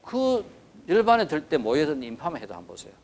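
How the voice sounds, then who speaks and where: A man's voice: on the high side, wildly swooping pitch, quick pace, a little mellow. A man with a Gyeongsang accent giving a dharma lecture on a Buddhist scripture. He stresses key words and keeps asking the listeners to agree. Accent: Gyeongsang Korean. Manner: emphatic, repeats key words.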